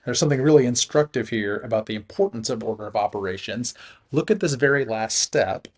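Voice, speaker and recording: Brisk and medium-pitched, a man talks through a recorded math lesson step by step, staying relaxed and laughing softly whenever he makes a slip.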